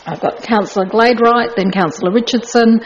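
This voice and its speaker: A woman runs a council meeting as mayor, moving briskly through procedure with a few light asides. The recording is dull and lo-fi. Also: a little high, a little hiss or hum.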